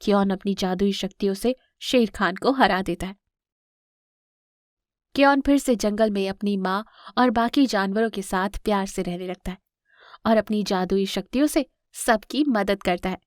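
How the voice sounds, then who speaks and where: A woman narrating a scripted children's cartoon story in a clear, expressive storytelling voice. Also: mid-range voice, normal speed, no echo, studio quality.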